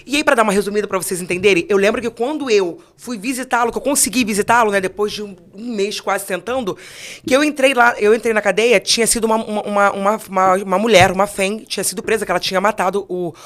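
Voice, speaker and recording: A woman's voice: mid-range voice, quick pace. A young woman on a podcast, telling her faith testimony in a casual way, acting out the dialogue and often restarting her sentences. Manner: animated storyteller, acts out dialogue in voices; frequent restarts and repeated words. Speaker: podcast co-host.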